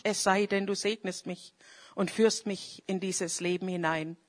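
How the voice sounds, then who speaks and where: A woman preacher, giving a fervent charismatic sermon and praying aloud. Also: fairly high pitch. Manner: fervent, swings between loud calls and quiet confession; prays aloud mid-sermon.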